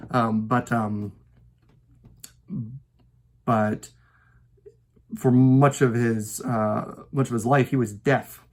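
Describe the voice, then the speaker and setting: Man, casual film talk, rambling, hesitant, mid-pitched voice, at home. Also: steady tone, very slow, long pauses. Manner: rambling, hesitant, full of fillers and restarts. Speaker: host. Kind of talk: casual talk about favorite films.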